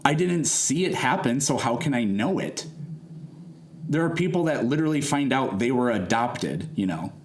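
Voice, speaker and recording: A man's voice: mid-range voice, expressive, moderate pace, slight background noise. A man debating conversationally, explaining his reasoning in a pedantic way with rhetorical questions. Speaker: debater defending evolution.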